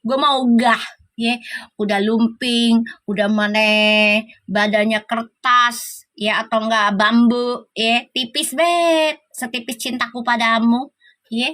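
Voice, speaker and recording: Middle-aged female live-stream host, Sundanese-flavored Jakarta accent, high voice, teasing banter. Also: fairly even intonation, slow pace, a bit bright. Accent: Sundanese-flavored Jakarta Indonesian. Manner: teasing, laughing, playful banter. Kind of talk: casual live-stream chat with viewers.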